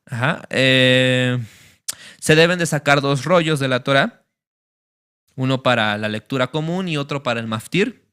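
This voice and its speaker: A man teaching a religious class in a casual, explanatory way, often pausing with fillers and checking that his listeners follow. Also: medium pitch, fairly bright tone, clean tone.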